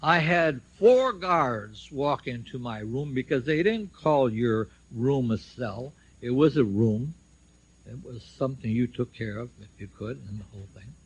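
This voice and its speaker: An older man addresses a symposium, recounting his own legal case in short, emphatic declarative statements. His medium-pitched voice is animated and slightly rough at a measured pace, captured on a dull, lo-fi shortwave radio recording.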